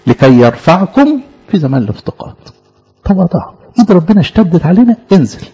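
Man, Egyptian Arabic accent, preacher, husky, dark tone, muffled recording. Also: high voice, quick pace. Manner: animated, acts out dialogue, repeats phrases.

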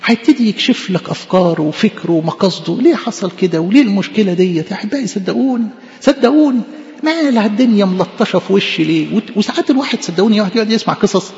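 A man's voice: high-pitched, expressive, very fast, gravelly, darkish tone, in a large hall, lo-fi sound. A man preaching a fervent sermon as a priest, emphatic and repeating phrases for stress, with an Egyptian accent. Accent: Egyptian Arabic.

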